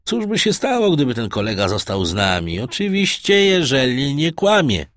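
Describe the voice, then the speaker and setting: A man's voice: medium pitch, big pitch swings, normal speed, fairly bright tone, voice pushed up. A man voicing a blunt, simple young sailor who speaks frankly and eagerly.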